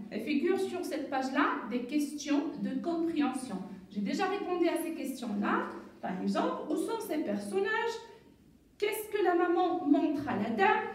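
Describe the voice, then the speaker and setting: Woman teacher for small kids; high, lively pitch; slow and deliberate; echoey room, far from the mic. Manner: slow, deliberate, sounds out syllables. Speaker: primary school teacher. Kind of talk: reading lesson for young children.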